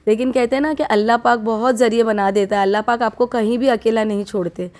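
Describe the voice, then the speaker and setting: Mellow-voiced woman vlogging while unwell. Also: on the high side, fairly even intonation, fast. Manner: chatty and heartfelt, speaks straight to viewers. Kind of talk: casual vlog talk to viewers.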